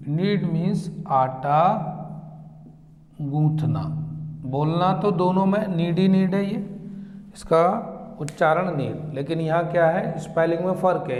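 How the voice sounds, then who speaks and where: Slow, spelling-out male teacher in an echoey room. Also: on the high side, a little mellow. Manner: spells words letter by letter, then gives the meaning. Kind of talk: slow classroom-style vocabulary lesson.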